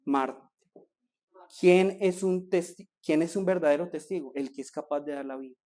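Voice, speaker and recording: A pastor delivers a sermon, his voice sitting a little higher than most men's. He drives his points with rhetorical questions and rising emphasis, now and then slipping into mocking, whiny quotes of his listeners. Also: moderate pace, darkish tone.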